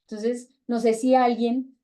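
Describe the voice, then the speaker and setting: A woman's voice: fairly high pitch, slow pace. A middle-aged woman with a Colombian accent leading a book club on a video call, talking casually and acting out bits of dialogue with a raised voice. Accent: Colombian Spanish. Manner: lively, acts out quoted dialogue in raised voice. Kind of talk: casual talk to a reading group.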